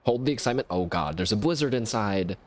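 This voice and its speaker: A man's voice: lowish voice, animated, fast. A man giving casual, jokey let's-play commentary while playing a game. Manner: chatty, jokey, self-mocking. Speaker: gameplay commentator.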